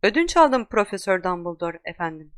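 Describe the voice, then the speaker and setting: A woman voicing a huge, tearful, gentle male giant in an audiobook, loud and deferential. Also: fairly low pitch, big pitch swings, fairly quick, no echo, studio quality.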